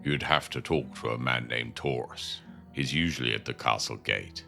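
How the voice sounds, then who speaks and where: A male actor plays a seasoned convict with an extremely low, gravelly voice. He is a worldly, cynical prison inmate in an audio drama, speaking matter-of-factly with a forceful edge over background music. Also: moderate pace, exaggerated voice. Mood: matter-of-fact, advising. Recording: music under the voice.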